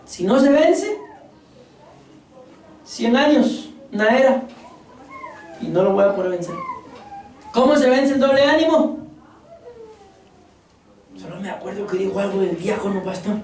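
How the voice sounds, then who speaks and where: A woman's voice: medium pitch, very animated, a little slow, pauses often, darkish tone. A woman preaching a sermon, firing rhetorical questions and calling the congregation her beloved brothers. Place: church hall. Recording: echoey hall, voice from far off.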